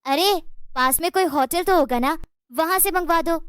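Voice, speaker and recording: A woman voicing a spoiled, rude young daughter-in-law in a cartoon story, talking in a shrill, demanding way. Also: moderate pace, fairly bright tone, no echo, clean studio sound. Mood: bossy.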